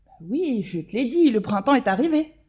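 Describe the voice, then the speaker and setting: A woman voicing a friendly, chatty male earthworm in a children's storybook reading, bright and lively. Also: a little high, normal speed.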